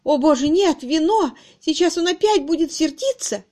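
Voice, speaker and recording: A frightened, tearful spinster in a storybook reading, her voice climbing high and shrill as she sobs and wails, as a woman reader puts her on. She sounds loud and strained, as if near collapse. Every phrase shakes. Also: animated, moderate pace. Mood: hysterical. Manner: sobbing, shrill wailing. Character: timid hysterical spinster, tearful and fearful.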